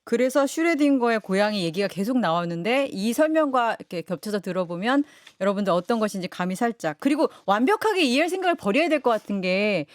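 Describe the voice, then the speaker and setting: A woman's voice: medium pitch, lively intonation, fast talker, hardly any pauses, dry recording. A woman hosting a studio interview, rephrasing the guest's points as questions for her viewers. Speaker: host.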